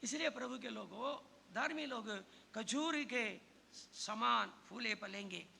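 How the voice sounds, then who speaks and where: A male pastor preaching a sermon in a church, with repeated hallelujahs and sudden shouted peaks. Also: very high-pitched, animated, takes it slowly, gravelly. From southern India. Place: church hall. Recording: long church hall reverb with faint noise.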